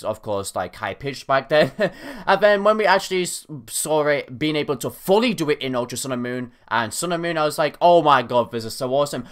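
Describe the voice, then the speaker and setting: Excitable young man with a cracking voice. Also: on the high side. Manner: excitable, animated, frequent self-corrections. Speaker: gaming YouTuber. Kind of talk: casual reaction commentary.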